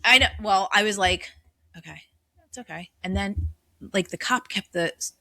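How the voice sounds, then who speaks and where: A woman's voice: mid-range voice, normal speed, sharp tone, no room sound. A middle-aged woman chatting as a podcast guest, telling stories animatedly, acting out her own thoughts and swearing freely. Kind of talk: casual chat.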